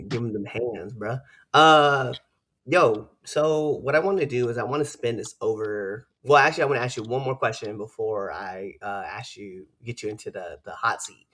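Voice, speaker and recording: A man's voice: on the low side, a little fast. Laughing, slangy man hosting a casual interview. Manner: animated storytelling with slangy asides; laughs often while talking. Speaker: interview host and fellow wrestler.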